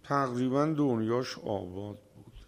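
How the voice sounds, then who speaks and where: A man preaching a sermon in a gravelly, creaky voice, pitched in an ordinary middle range. He lingers over his words with long pauses and grows louder at the high points. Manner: slow, emphatic delivery with dramatic pauses, voice rising at climaxes. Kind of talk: religious sermon, storytelling.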